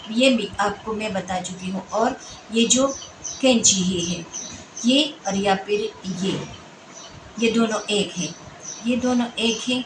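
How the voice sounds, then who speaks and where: A woman teaching Urdu letters and sounds to students in a patient lesson, repeating sounds slowly and checking whether they have understood. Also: a little high. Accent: Pakistani Urdu. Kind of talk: classroom-style explanation to students. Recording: echoey room with background noise.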